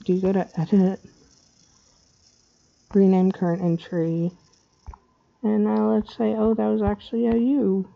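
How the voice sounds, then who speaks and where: Slow-talking woman wearing a retainer. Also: mid-range voice, level tone, gravelly, highs cut off. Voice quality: slightly slurred speech from wearing a dental retainer. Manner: scatterbrained, hesitant. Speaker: tutorial maker. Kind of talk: casual screen-recorded software tutorial.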